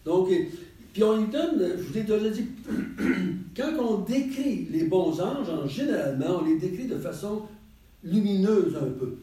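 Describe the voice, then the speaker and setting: A man's voice: sits high, animated, measured pace, mellow. A man with a Quebec French accent leading a group Bible study in a chatty, digressive way, laughing often. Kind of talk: casual group Bible teaching. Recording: roomy echo, mic far off.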